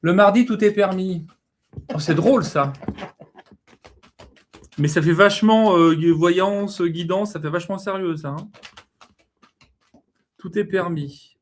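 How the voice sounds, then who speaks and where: Joking man, slightly high voice. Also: unhurried, long pauses, a little hiss or hum. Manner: playful, self-mocking, swears casually, trails off with fillers. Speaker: co-host of an oracle card reading livestream. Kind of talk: casual joking chat.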